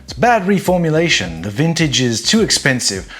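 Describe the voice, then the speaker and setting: A man's voice: a little high, very animated, normal speed, a bit bright. A man hosting a casual fragrance review video, chatty and wry, with self-deprecating humor.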